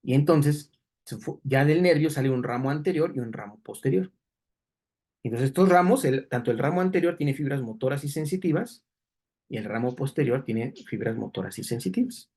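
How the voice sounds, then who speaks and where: Husky male anatomy lecturer. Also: mid-range voice, lively intonation, moderate pace, a little mellow. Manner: explanatory, checks in with students with tag questions. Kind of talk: classroom lecture walking through diagrams.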